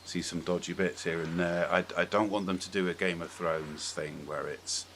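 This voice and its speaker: A male podcast host chats casually and informally, offering strong opinions. His voice is low-pitched and a bit bright, with a steady tone and moderate pace. Background noise is clearly audible.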